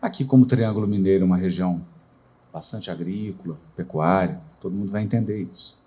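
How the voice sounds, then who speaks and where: A man's voice: sits low, a little fast, warm tone, lo-fi sound. A man from Brazil, giving a spiritist lecture in a rhetorical way, asking questions and acting out quoted voices. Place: lecture hall of a spiritist center.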